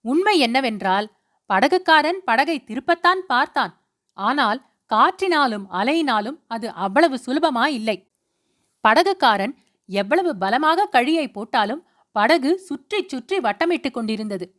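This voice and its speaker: A woman narrating a novel as an audiobook in a steady, measured way. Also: sits high.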